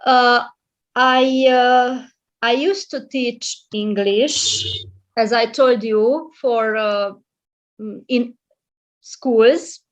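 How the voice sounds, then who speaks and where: A middle-aged Romanian woman whose first language is Hungarian, working as a librarian and English tutor, is a guest in a casual video-call interview. Her voice is on the high side and extremely slow, hesitant with many fillers and restarts. The audio is muffled and lo-fi.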